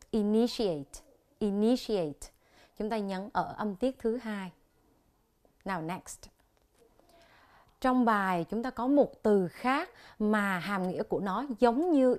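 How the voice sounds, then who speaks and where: A woman from Vietnam teaching an English lesson on television, speaking with a Vietnamese accent and slowly drilling the pronunciation of English words. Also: medium pitch, darkish tone.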